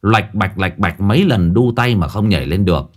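A man's voice: low voice, expressive, moderate pace, soft background music. A man narrating a Vietnamese ghost story in the first person, telling it in a dramatic way.

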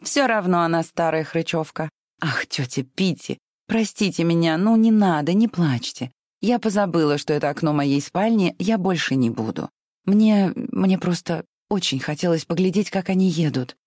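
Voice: mid-range voice, lively intonation, normal speed, a little mellow, no room sound, clean studio sound, voice pushed up, natural voice. A reader voicing a spoiled, willful young widow who pleads and flares up petulantly. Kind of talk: audiobook reading.

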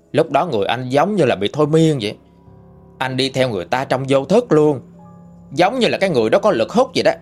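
Man, folksy storytelling narration, animated pitch, soft background music. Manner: folksy, lively retelling with rising and falling emphasis.

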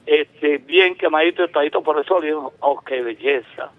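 Over a tinny phone connection with no echo, a Venezuelan man in his seventies calls a radio show. His voice sits on the high side at a normal speed, and he speaks at length with emphasis and many restarts.

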